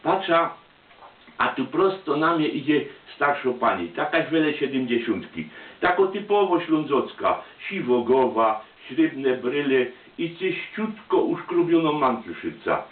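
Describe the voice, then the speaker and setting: A man's voice: medium pitch, lively intonation, unhurried. Silesian man storytelling in a tinny room. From Silesia, Poland. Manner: chatty, colloquial. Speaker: storyteller, amateur photographer. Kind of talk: personal anecdote monologue in dialect. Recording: tinny, roomy, distant microphone.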